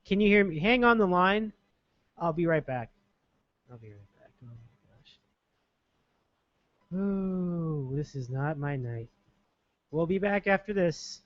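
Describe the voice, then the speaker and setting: A man's voice: high voice, lively intonation, a little slow, long pauses, no echo. A male podcast host in casual chat, flustered and rambling, while his call connection breaks up and drops out. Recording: dull lo-fi line dropping out.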